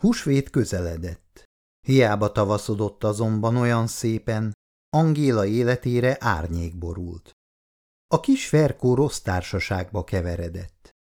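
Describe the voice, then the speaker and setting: A man reading aloud an episode recap of a radio family serial, in an animated storytelling manner. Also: lowish voice. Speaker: narrator.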